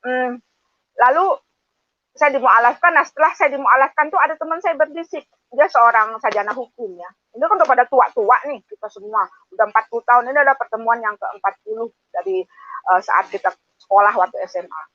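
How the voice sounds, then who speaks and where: A woman in her fifties from Padang, Indonesia, telling her personal testimony in an animated way, full of hesitant fillers. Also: on the high side, a little fast, no room sound, dull audio. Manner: animated, acts out quoted voices, many hesitant fillers. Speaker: testimony speaker.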